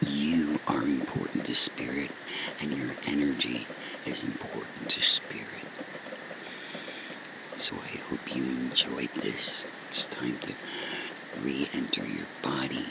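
A man with a strikingly deep voice guides a meditation slowly and softly. Heavy fry gives his hushed, soothing delivery a gravelly grain. He leaves long pauses between short phrases while steady rain runs over the recording. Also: noisy background. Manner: hushed, soothing delivery, often dropping near a whisper. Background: rainstorm.

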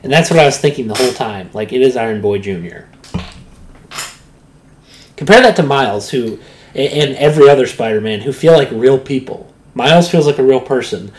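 An animated podcast co-host in easygoing chat, with a pitch that rises and falls freely. There is a faint hiss of noise underneath. The delivery is loose and playful, often breaking into exaggerated impressions. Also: fairly quick. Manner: animated, mocks characters with exaggerated voices. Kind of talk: casual chat.

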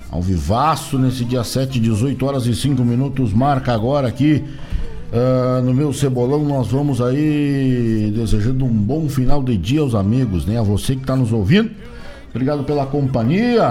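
Male radio host, gaúcho Brazilian accent, mellow tone, folksy ringmaster showmanship, music bed. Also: medium pitch. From southern Brazil, from São Borja. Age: late 30s or older. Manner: ringmaster-like showy greetings with drawn-out words. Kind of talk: folksy live radio hosting. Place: radio studio.

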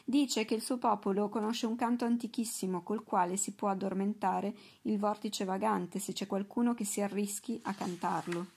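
A woman's voice: steady tone, normal speed, gravelly, hardly any pauses, a little mellow, slightly rough. A woman reading aloud voices an eccentric old male professor in a storybook, fussy and full of enthusiasm. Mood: lecturing. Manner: fussy, shrill bursts of enthusiasm.

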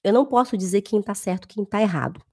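A woman's voice: mid-range voice, fast, dark tone, slightly rough. A woman, a German teacher talking casually to camera, emphatic and repeating phrases for stress.

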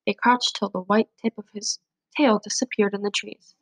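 A woman reads a children's storybook aloud with a gentle, steady storytelling manner. Her voice sits at a mid height. The recording is dry and close, with no room echo. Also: medium pitch, moderate pace. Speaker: storybook reader. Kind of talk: reading a children's picture book aloud.

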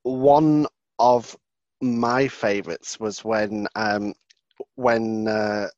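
A man's voice: lowish voice, steady tone, drawn-out words, darkish tone, dry recording, highs cut off. A man co-hosting a podcast, chatting casually, laughing often and acting out favourite quotes. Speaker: podcast co-host. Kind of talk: casual chat.

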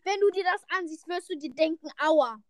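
A woman's voice: very high voice, a little fast, no echo, clean studio sound. A woman chatting casually on a call, eagerly describing clips she has sent. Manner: eager, excitable, interrupts to describe videos.

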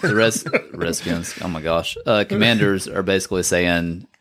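A man co-hosting a casual sports podcast, giving his opinions in a measured way, often starting with "I mean". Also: sits low, fairly even intonation, a bit bright, slight background noise. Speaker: podcast co-host.

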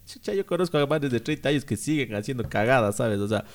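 A young man, co-hosting a podcast in casual chat, slangy and quick to swear. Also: medium pitch. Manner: animated, slangy, swears freely. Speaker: podcast co-host.

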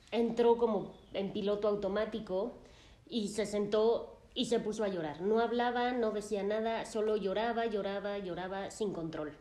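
A woman psychotherapist, calmly and measuredly narrating a case from her practice and explaining things clearly. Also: medium pitch. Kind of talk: first-person storytelling narration. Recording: roomy echo.

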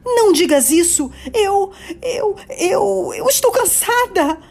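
A woman's voice: very high voice, expressive, slow, vocal fry, a little mellow, soft background music, pitched above the performer's own voice, exaggerated voice. A woman voicing a frightened young woman who cries out in tearful, anguished pleas.

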